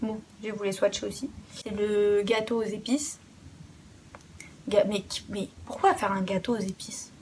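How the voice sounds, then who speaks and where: A woman's voice: medium pitch, steady tone, a little slow, pauses often, darkish tone, a little hiss or hum. A young woman chatting casually through a makeup haul, enthusiastic and blunt, often repeating words and dropping the odd swear. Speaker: beauty vlogger.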